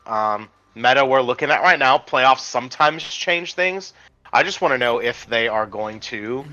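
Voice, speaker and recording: A man's voice: mid-range voice, pushed and bright, muffled recording. A man casting an amateur video game match with playful, rambling play-by-play commentary full of ums. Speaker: esports caster.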